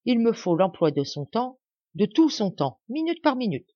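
A woman's voice: on the high side, very animated, normal speed, dry recording, voice pushed up. A woman reading the lines of a cold, scheming young noblewoman who gives firm orders, in a slightly dull, dry recording. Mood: commanding.

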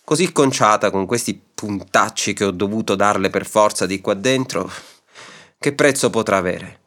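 A man voicing a stubborn old male pot-mender in a story reading, answering calmly and slowly. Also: lowish voice, lightly acted. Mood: grumbling. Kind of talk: audiobook reading of a classic story.

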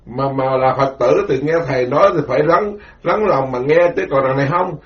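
A man, a Buddhist monk, giving a rambling, animated dharma talk full of stories. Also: mid-range voice, brisk. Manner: rambling, animated storytelling with quoted voices. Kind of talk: informal spoken sermon. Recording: dull lo-fi recording.

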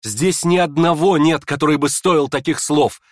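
A man reading aloud and voicing a proud young woman, furious and scornful, in shrill indignant outbursts. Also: moderate pace, no echo, clean studio sound, natural voice.

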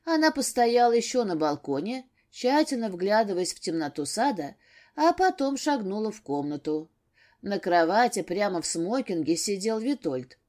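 A woman reads an audiobook in a steady, measured narration. Her voice sits at a middle pitch for a woman. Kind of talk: scripted narration.

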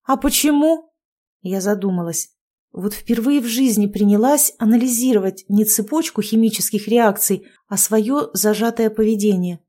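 A woman narrating a first-person audiobook in an even storytelling manner. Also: mid-range voice, normal speed.

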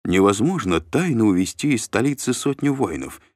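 A man narrating an adventure audiobook in an expressive storytelling manner. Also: on the low side, normal speed, no echo, studio quality. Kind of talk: scripted narration.

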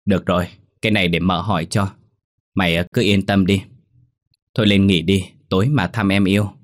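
A man's voice: sits low, steady tone, fairly quick, natural voice. A man voicing a brusque, affectionate middle-aged aunt in a spoken ghost story. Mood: firm.

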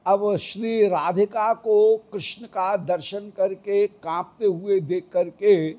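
A man's voice: sits high, fairly even intonation, slow, mellow. A man giving a devotional scripture discourse, chanting verses and explaining them line by line. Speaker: devotional storyteller.

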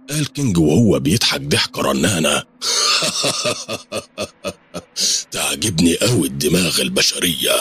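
A man with an Egyptian accent narrating a horror story in a lively, dramatic way. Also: rumbling low, breathy edge. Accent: Egyptian Arabic.

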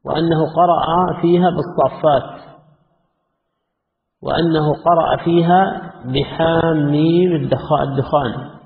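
A man giving a religious lesson, reading quoted passages from a classical text and explaining them in a measured way. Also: on the high side, fairly even intonation, vocal fry. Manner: measured, reads quoted passages then comments. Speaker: Islamic scholar teaching a text. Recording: echoey hall, tinny phone-like lo-fi audio.

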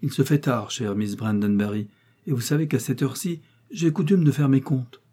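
A man's voice: medium pitch, moderate pace, dark tone, slightly rough, pitched above the performer's own voice, natural voice. Man doing a cold curt miserly heiress. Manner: curt, cool.

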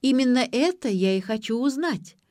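A woman's voice: lively intonation, moderate pace, no room sound, studio quality, lightly acted. A woman voicing a brash, bossy young woman. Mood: prodding. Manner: high, loud, snappy slangy retorts. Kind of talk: audiobook character voice.

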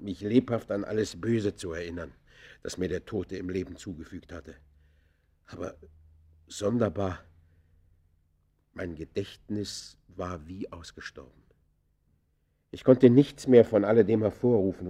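In a German-style radio play, a male actor with a lowish voice voices a murderer's confession, deliberate and literary, swinging from hushed to vehement. This brooding, defiant character sounds gripped by agitated remorse.

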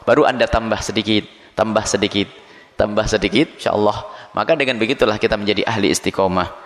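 A middle-aged man preaching a Ramadan sermon in a lively, playful way, acting out everyday examples. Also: on the low side, fast. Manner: animated, playful, acts out examples. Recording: long hall reverb.

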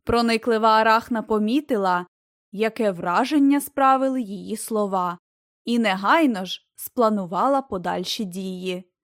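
A woman narrating a fairy-tale audiobook in an even, expressive reading. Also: mid-range voice, normal speed, no echo, studio quality. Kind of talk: scripted storybook narration.

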